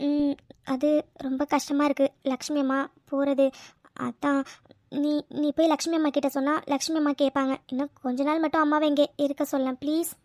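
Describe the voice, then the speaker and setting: A woman voicing a soft young cartoon heroine. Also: sits high, fairly even intonation, moderate pace, pauses often, dry recording, clean studio sound, lightly acted. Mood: sad. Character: young woman recovering, teasing sister.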